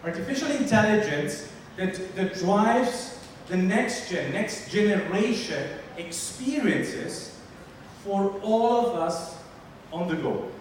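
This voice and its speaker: A man in his forties from Sicily with an Italian accent, giving a lively, interactive conference keynote and polling the audience. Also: high voice, slow. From Sicily, Italy. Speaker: keynote speaker. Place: large hall with an audience. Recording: echoey hall, distant mic, faint noise.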